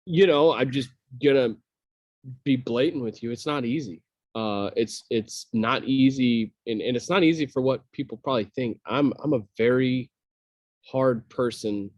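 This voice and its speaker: Man, business owner guest, blunt, candid, middle pitch, dry sound. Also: moderate pace, a little mellow, no echo. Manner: blunt, candid, repeats words. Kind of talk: casual interview chat.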